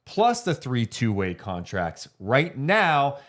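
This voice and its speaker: A man co-hosting a casual sports podcast, moving quickly from teasing banter to rattling off names and numbers. His voice sits at an ordinary middle pitch. He sounds loose and easygoing. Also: huge pitch swings, a bit bright. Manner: joking, then briskly running through facts. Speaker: podcast co-host.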